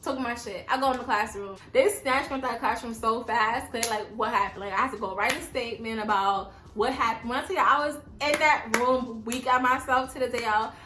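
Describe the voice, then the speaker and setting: A woman's voice: a little high, fairly quick, few pauses, echoey room, noisy background. A woman of about twenty, telling a casual, slangy, profane storytime to her viewers. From New York. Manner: animated, slangy, profane, addresses viewers as y'all. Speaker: vlogger.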